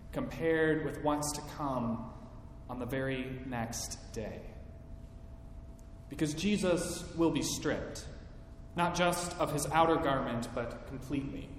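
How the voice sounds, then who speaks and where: A man preaching a sermon, slow and emphatic, acting out quoted lines with feeling. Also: a little high. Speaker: pastor. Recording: echoey hall with faint background noise.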